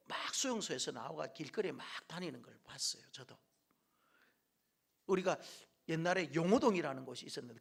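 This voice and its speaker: A middle-aged male pastor preaching a sermon in a church, joking with the congregation and dropping from loud calls to near-whispered asides. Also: a little high, creaky, breathy edge. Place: church sanctuary.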